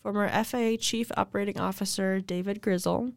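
A woman's voice: mid-range voice, steady tone, brisk, gravelly, no room sound, clean studio sound. A young woman co-hosting an aviation podcast, chatting and reading out news items. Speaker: podcast co-host. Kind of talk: casual podcast chat.

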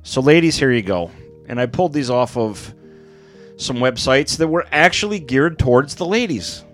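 A man's voice: medium pitch, expressive, moderate pace, faint music behind. A man chatting casually and irreverently as a podcast co-host. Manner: irreverent, sweary. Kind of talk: casual banter.

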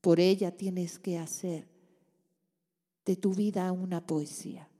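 Slow and steady, a woman with a low, mellow voice reads out letters from listeners and responds with gentle advice full of comforting endearments. She hosts a relationship advice show, and she sounds as if she's in a large hall.

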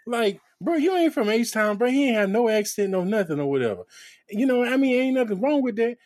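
Pitched extremely high and talking fairly quickly, the man co-hosts a casual sneaker podcast, ranting with plenty of profanity and ridiculing impressions. The recording is clean studio audio with no echo.

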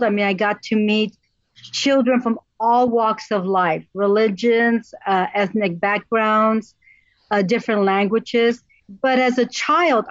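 A woman with a fairly high voice speaks openly and slowly as an interview guest. The audio is close and dry with no room echo. It comes through a dull video-call line. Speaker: guest, artist and activist.

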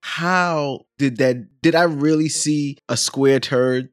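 A tabletop game player chatting casually in an expressive, incredulous manner. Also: medium pitch, slow pace, no echo, clean studio sound. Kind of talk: casual chat.

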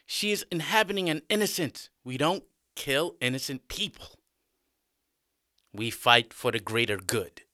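A man voicing a patient, principled male teacher in a spoken story, earnest and clear. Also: mid-range voice, expressive, measured pace, pushed and bright, no echo, studio quality.

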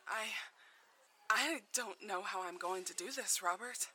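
A woman playing a guilt-ridden mother haunted by voices in an audio drama, speaking haltingly and with strain. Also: mid-range voice, pushed and bright, slightly rough, exaggerated voice. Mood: flustered, defensive. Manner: halting, emotionally fraught.

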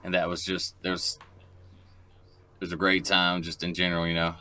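A man's voice: low-pitched, monotone, moderate pace, pushed and bright. A man in his thirties chatting casually as a guest rapper, explaining things in everyday words. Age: 30s. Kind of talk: casual chat.

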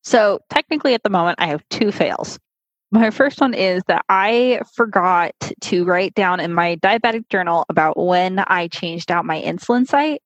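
A woman's voice: lowish voice, animated, moderate pace, dry recording. A woman co-hosting a podcast in a casual chat, slightly muffled because she speaks through a face mask. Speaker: podcast co-host. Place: hotel lobby.

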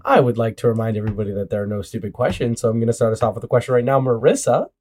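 Speaking very fast at a medium pitch, a young man hosts a laid-back podcast with friends, joking around and rambling in an animated way. His nose is stuffy from a cold.

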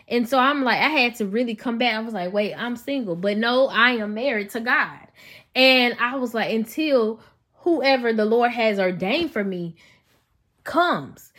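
A woman, talking earnestly and casually about faith and healing as a podcast host, often restarting her sentences. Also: medium pitch. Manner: earnest, addresses listeners as "y'all", many restarts. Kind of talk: faith-based personal talk.

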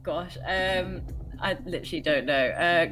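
A woman's voice: lowish voice, a little slow, a bit bright, soft background music. A woman, a guest on a podcast, chatting casually and rambling with a giggle when unsure. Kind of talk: casual chat.

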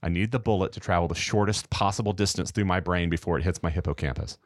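Low-voiced American man reading a horror story. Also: quick pace, no room sound, clean studio sound. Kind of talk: casual podcast chat and story reading aloud.

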